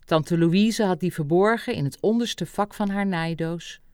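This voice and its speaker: A woman reading a story aloud as narrator in a measured, expressive way. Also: lowish voice, smooth, no echo.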